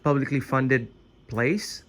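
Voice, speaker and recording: A man's voice: mid-range voice, takes it slowly. A man filming as a citizen journalist, arguing casually and insistently, repeating himself in a post office lobby. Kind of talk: casual argument in public.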